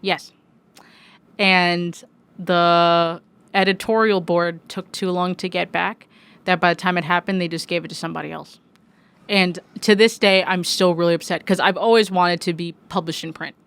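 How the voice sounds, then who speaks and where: A woman's voice: fairly low pitch, fairly even intonation, moderate pace, a bit bright, clean tone. A woman in her twenties, a music journalist guest, talking casually and animatedly with frequent restarts and swearing. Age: 20s. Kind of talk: casual podcast conversation.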